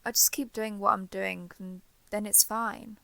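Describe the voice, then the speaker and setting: A woman with a mid-range, steady voice, marked by vocal fry and a pushed, bright quality, speaks in a dry recording. In a roleplay audio drama of intimate one-sided dialogue, she plays a shy, guarded villain turned reluctant ally. Her mood is subdued and resigned, her delivery hesitant, halting, reserved, and understated.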